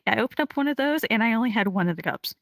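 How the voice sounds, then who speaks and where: A woman's voice: a little high, expressive, racing, no echo. A woman chatting casually during a roleplay game, rambling with lots of fillers and restarts. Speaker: roleplay streamer.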